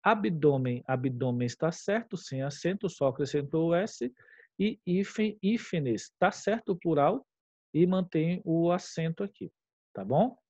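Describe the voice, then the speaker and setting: A man's voice: on the high side, animated, unhurried, darkish tone, no room sound. A man with a Brazilian Portuguese accent, a teacher walking through a grammar exercise and checking in with his class as he goes. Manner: explanatory, checks in with "tá?" and "tudo bem?". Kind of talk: grammar lesson walkthrough. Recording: dull lo-fi recording.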